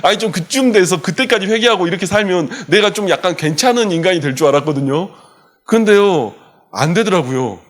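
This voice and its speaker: A man preaching a sermon in a church, his voice sitting a little high for a man. His delivery is impassioned, rising to urgent emphasis and dropping to hushed, soft passages. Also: expressive, brisk. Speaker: pastor. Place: church sanctuary.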